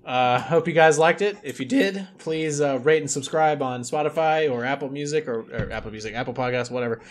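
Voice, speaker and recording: A man's voice: a little high, a little fast. Dry, teasing male podcast host. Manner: dry, teasing, casual swearing. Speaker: podcast host, quiz master. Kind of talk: casual chat.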